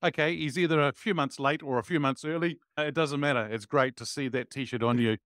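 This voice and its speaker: A man's voice: a little high, fairly even intonation, a little fast, fairly bright tone, no room sound, studio quality. A man hosting a podcast interview, upbeat and full of praise as he questions his guest. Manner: enthusiastic, frequent praise words. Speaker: podcast host.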